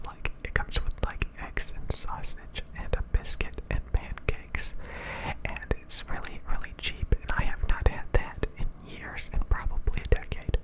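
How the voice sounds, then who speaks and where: A person giving a casual, rambling ASMR pep talk in a breathy whisper, often hesitating and repeating phrases. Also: low-quality recording. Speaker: ASMR creator.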